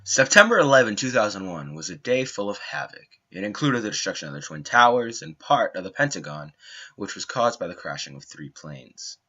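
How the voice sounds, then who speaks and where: A young man reading a scripted documentary narration in an earnest, dramatic way, with slow emphatic phrasing. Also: lowish voice, sing-song, sharp tone. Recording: dull lo-fi home mic.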